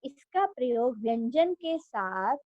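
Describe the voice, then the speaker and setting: A woman teacher explaining grammar to children, patient and repeating each word slowly for them to copy. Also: fairly high pitch, very animated, dry recording, dull audio. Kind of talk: Hindi grammar lesson for children.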